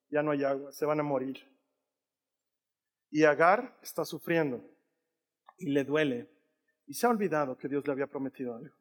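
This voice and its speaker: A man in his fifties preaching a sermon, telling the story with humor and emphatic, repeated phrases. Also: on the high side. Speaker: pastor. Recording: long reverb of a large hall.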